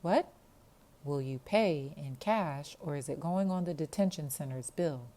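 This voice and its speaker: A woman's voice: low voice, a little slow, dark tone. A woman voicing a tired, grumpy taxi dispatcher on the phone, weary and sarcastic.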